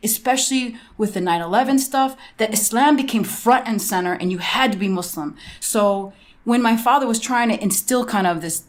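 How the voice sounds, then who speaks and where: A woman comedian chatting as a podcast guest, telling stories in a lively, playful way with quick asides. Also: a little high. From United States. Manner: animated storyteller, playful asides. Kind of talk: casual interview chat.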